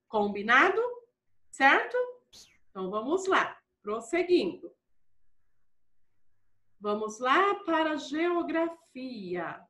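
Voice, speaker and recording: A woman's voice: sits high, a bit bright, reverberant. A woman teaching a primary school class, patiently walking through exercises and often checking in with the children. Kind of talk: classroom lesson walkthrough.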